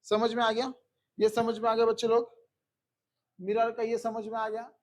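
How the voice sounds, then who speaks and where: A man's voice: extremely high pitch, monotone, normal speed. A man teaching a physics class who keeps repeating questions to his students and coaxing them along.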